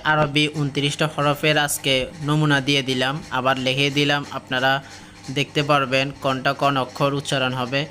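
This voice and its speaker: A man with a Bangladeshi Bengali accent teaching the Arabic alphabet, stretching each letter name slowly and repeating it. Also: on the high side, sharp tone. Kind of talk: slow teaching with drawn-out demonstrations.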